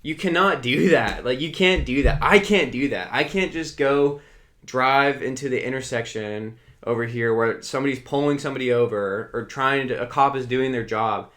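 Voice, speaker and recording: A young man holds forth on his own commentary podcast in a loose, ranting manner, his sentences stumbling through repeated "like" fillers. Now and then he reads a news passage aloud before jumping back into his own take. His voice sits at an ordinary middle pitch for a man. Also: moderate pace, fairly bright tone. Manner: ranting, heavy use of "like" fillers. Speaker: podcast host.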